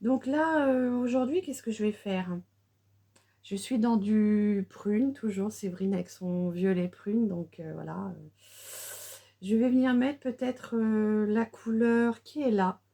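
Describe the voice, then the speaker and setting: A woman's voice: mid-range voice, slow, warm tone. A middle-aged woman chatting through a casual makeup tutorial, with many fillers and restarts. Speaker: beauty vlogger.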